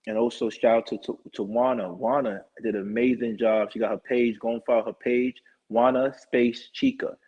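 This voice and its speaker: A man hosting his own live talk show, rambling through shout-outs and sponsor plugs in casual chat. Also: medium pitch, steady tone, normal speed, hardly any pauses, slightly rough. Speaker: show host. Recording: dull lo-fi stream audio.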